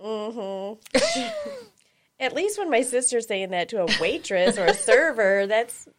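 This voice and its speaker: Middle-aged woman, podcast host, lively rising and falling voice, unhurried, laughs a lot, faint noise behind. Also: on the high side. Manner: laughs often while telling stories. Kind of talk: casual chat.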